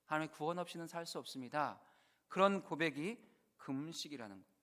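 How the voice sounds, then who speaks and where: A male pastor preaching a sermon, earnest, rising to loud emphasis and dropping to hushed, quoted prayers. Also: on the high side, fast.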